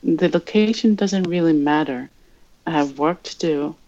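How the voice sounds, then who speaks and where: An interview guest from Greenland speaks English, her third language, with a Greenlandic accent, pausing and searching for words as she reflects. Her voice is low-pitched and warm, though the audio sounds dull.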